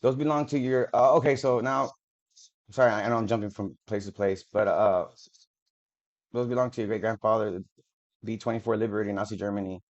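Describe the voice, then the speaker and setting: A man's voice: on the low side, a little fast. A man reading official documents aloud to the camera, stumbling over words and breaking off for casual, profane asides. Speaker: video creator. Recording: dull lo-fi audio.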